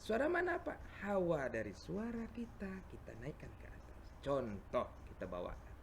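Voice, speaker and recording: A man with an Indonesian accent teaches children Quran recitation, patiently explaining, answering his own questions, and chanting verses slowly and loudly. His voice is a little high and gravelly with huge pitch swings, and there's slight background noise.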